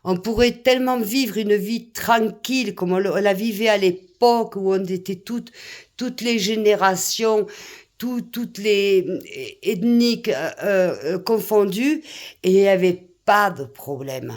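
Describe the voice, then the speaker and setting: An older French woman vlogs an angry rant to camera, indignant, packed with exclamations and repeated phrases. Her voice sits mid-range with a darkish tone and a slightly slow delivery.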